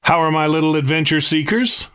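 A man playing a loving, kind father talking gently with his children. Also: fairly high pitch, a little fast, clear, resonant tone, lightly acted. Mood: affectionate. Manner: warm, affectionate.

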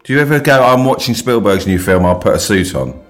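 A man in his late forties with a very low voice that swings widely in pitch as he co-hosts a casual podcast. He fires off teasing, playful questions. Faint music sits underneath. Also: lively intonation, fairly quick. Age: 40s. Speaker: podcast co-host. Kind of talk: casual chat, live-streamed.

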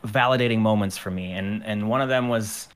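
Speaking a little fast in a clean, lowish voice, this Ukrainian animator and musician is a guest on a podcast. He chats casually about his art career in an interview setting, rambling with plenty of fillers and restarts.

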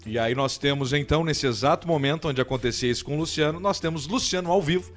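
Radio co-host guy tossing in quick remarks, slightly high voice, soft music behind. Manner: chimes in with short agreeing remarks. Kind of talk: casual banter on live radio.

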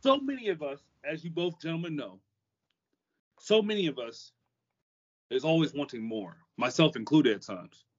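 A man's voice: on the high side, expressive, normal speed, long pauses. A man co-hosting a casual podcast as an emphatic hype man who repeats phrases, on a dull microphone. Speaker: podcast co-host.

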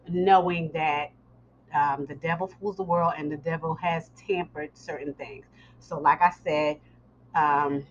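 A woman's voice: low voice, a little hiss or hum. A woman host giving an informal spoken announcement to her listeners. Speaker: host introducing guest lessons. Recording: muffled, dull lo-fi sound.

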